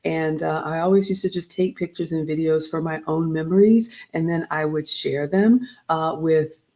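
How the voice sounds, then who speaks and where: Looking back on her trip during a laid-back livestream, this Ghanaian vlog host in middle age greets viewers by name and chats casually with them. Her voice sits low and sounds mellow and steady, at a moderate pace.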